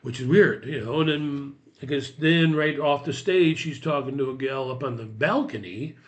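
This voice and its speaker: A man's voice: mid-range voice, moderate pace. Man in his sixties telling a story. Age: 60s. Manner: animated retelling, acts out quoted dialogue. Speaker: podcast guest. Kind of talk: casual storytelling.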